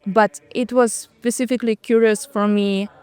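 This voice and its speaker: The voice is on the high side yet dark-toned, smooth, and fairly even, moving at a moderate pace in a dry recording. It belongs to a native Russian speaker from Russia, a guest in a casual outdoor interview on a bench at a city event, who answers hesitantly with lots of fillers and restarts.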